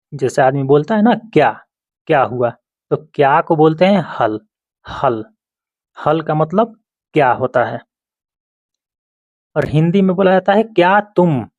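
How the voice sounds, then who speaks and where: A man teaching Arabic vocabulary, saying each word and repeating it slowly with its meaning. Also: a little high, no room sound, lo-fi sound. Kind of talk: vocabulary lesson.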